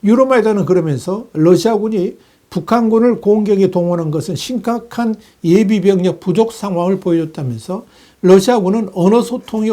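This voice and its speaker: A man delivering a steady, measured news analysis, reading reports with the occasional filler. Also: high voice. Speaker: news commentator.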